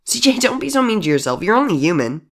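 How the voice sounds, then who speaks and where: A storyteller voicing Aaron, a gentle, caring young man who speaks earnestly and reassuringly. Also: mid-range voice, sing-song, quick pace, pitched above the performer's own voice. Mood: concerned. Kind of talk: audiobook character voice.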